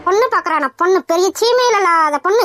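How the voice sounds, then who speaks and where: A woman's voice: very high-pitched, expressive, quick pace, music in the background. A woman voicing a domineering, scornful older village mother in a cartoon, talking harshly and contemptuously. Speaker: hero's mother. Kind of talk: cartoon voice acting.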